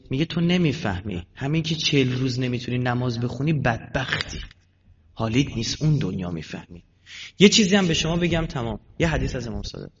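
A man preaching a sermon. He tells stories with animated delivery, swings from loud emphasis to hushed asides, and asks his listeners questions that he answers himself. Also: medium pitch, creaky. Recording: dull lo-fi recording with long hall reverb and faint noise.

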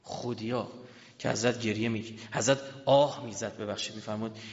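A male preacher delivering an emotional sermon, rising to loud high cries and dropping to slow, hushed lines. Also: steady tone. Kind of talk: impassioned religious sermon, storytelling. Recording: reverberant hall, dull lo-fi sound.

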